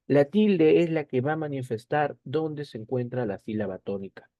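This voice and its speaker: A man's voice: medium pitch, moderate pace, no echo, lo-fi sound. A male teacher explaining a lesson over slides, repeating key points and checking in with short tag questions.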